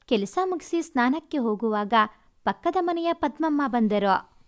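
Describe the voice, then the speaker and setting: A woman's voice: high voice, animated, a little slow. A woman narrating a family love story, speaking directly to her listeners. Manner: warm, addresses listeners directly.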